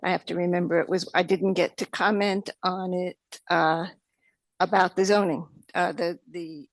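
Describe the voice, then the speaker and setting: A woman with a New York accent giving public comment at a township meeting, halting with many fillers and restarts. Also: on the low side, little pitch movement, vocal fry, no room sound.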